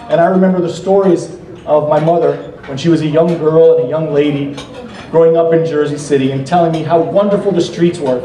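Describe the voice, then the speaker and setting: A middle-aged American man giving a formal introductory speech at a gala, measured and earnest with occasional light jokes. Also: a little high, mellow. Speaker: speaker introducing the keynote at a political gala. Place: banquet hall stage at a podium. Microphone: podium microphone, filmed from across the room. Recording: echoey hall from far off.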